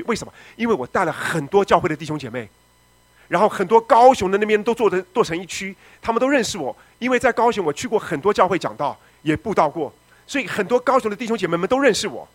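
Brief: middle-aged male pastor, rapid testimony sermon, higher-pitched delivery, dramatic swings. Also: animated, dry recording. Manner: dramatic storytelling, swings from loud shouting to quiet.

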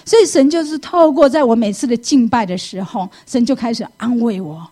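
A middle-aged woman, giving a lively personal faith testimony and acting out her own past thoughts. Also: fairly high pitch, a little fast. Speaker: church member giving testimony.

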